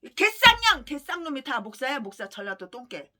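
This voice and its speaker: A woman pastor preaching a fierce denunciation in a very high, piercing voice. Her pitch leaps wildly up and down, and her tone is bright and cutting. She rants relentlessly and breaks into shouts. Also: very animated, a little fast. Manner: vehement, ranting, heavy name-calling, bursts of shouting. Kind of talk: fiery denunciatory sermon.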